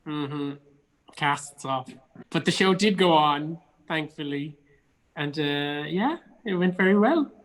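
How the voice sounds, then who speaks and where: A stage actor from Cork, Ireland, with a Cork Irish accent, chats casually as an interview guest over a remote online video chat. His voice is a little high and fairly bright, with lively intonation and a slow pace, and the recording is rough. He speaks emphatically, repeating phrases for stress.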